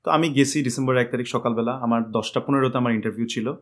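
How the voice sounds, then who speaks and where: A young man, a podcast guest telling how his visa interview went in a rambling, animated way, often correcting himself. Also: medium pitch, fast. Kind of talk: casual interview storytelling.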